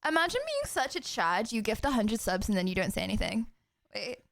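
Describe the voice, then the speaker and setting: A woman livestreamer chatting excitedly and thanking viewers, exclamatory and often repeating her words. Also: medium pitch, fairly quick, creaky, no echo, clean studio sound. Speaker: live streamer.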